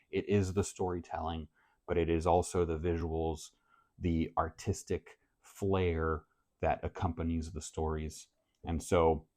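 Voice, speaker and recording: A man who grew up in France, talking casually to camera about his reading list in a relaxed, measured way. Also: low voice. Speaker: book vlogger. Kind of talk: casual book talk to camera.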